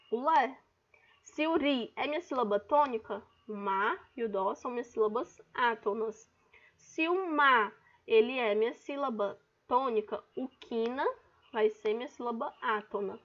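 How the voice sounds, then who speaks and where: On a dull, lo-fi recording, a female online teacher with a Brazilian Portuguese accent talks at normal speed. Her pitch is fairly high and a little bright. She explains with patience, calling out words to emphasize their syllables.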